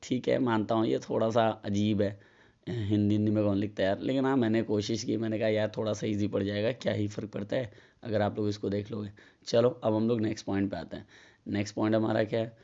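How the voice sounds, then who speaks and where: A man's voice: on the low side, flat delivery, fast talker, dark tone, lo-fi sound. A man with a Hindi accent giving a casual chemistry tutorial, asking and answering his own questions. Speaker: chemistry teacher. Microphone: phone.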